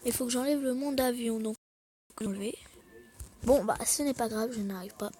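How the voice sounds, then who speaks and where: A woman's voice: a little high, normal speed, mellow, a little hiss or hum, low-quality recording. A woman giving casual, rambling gameplay commentary, chatting with viewers, apologizing often and dropping into whispered asides. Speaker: gaming video creator.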